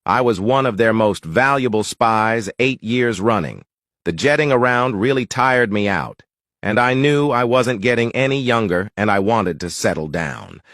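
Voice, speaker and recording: A man's voice: lowish voice, fairly bright tone, no room sound, studio quality. A man voicing a talking mutt, a boastful retired spy, telling his story matter-of-factly in a joke.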